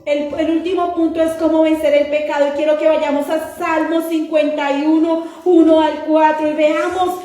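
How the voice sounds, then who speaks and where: A woman's voice: high voice, flat delivery, moderate pace, hardly any pauses. A woman preacher giving an earnest, repetitive sermon with a sing-song cadence. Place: church. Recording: very echoey church with soft music behind.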